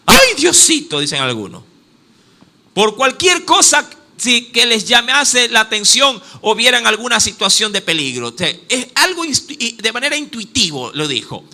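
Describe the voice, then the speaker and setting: This pastor has a very high-pitched voice and a moderate pace, with the coastal Ecuadorian accent of Guayaquil. His preaching is animated: he calls listeners "mi amado" (my beloved), acts out exclamations, and pauses now and then to look up verses.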